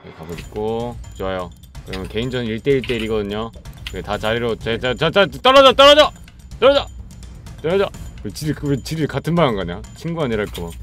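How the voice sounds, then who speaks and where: A man hosting a gaming stream, commenting loudly and excitedly and yelling at his friends as they play. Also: on the low side, quick pace, soft background music. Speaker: streamer host.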